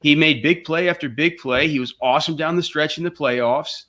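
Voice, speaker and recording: A man's voice: on the high side, moderate pace, pushed and bright. A man co-hosting a podcast in casual chat, rambling and swearing freely, often restarting his sentences. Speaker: podcast co-host.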